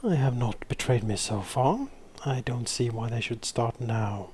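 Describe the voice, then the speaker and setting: A proud, ancient necromancer, played by a man at a gaming table. He declaims in stately, formal phrases at a medium male pitch. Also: lively intonation, a little slow, a little mellow, slight background noise, natural voice. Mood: haughty, measured.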